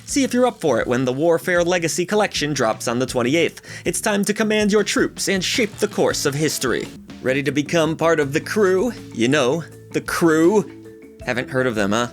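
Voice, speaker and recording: Lively upbeat male game-news host. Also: on the high side, a little fast. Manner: upbeat and jokey, with playful asides. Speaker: gaming channel host. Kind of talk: scripted game-release roundup narration. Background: background music.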